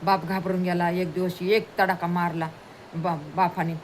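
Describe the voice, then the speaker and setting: A woman telling a moral folk story to an audience, animated and repetitive, acting out the characters. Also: on the low side, measured pace, slight background noise. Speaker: storyteller preacher.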